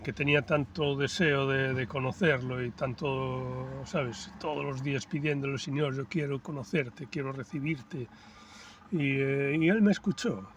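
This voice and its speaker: A man, giving a personal testimony in church in a conversational, storytelling way that turns soft and reflective. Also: medium pitch, slight background noise. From Galicia, Spain. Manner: conversational storytelling with frequent tag questions; grows softer and reflective.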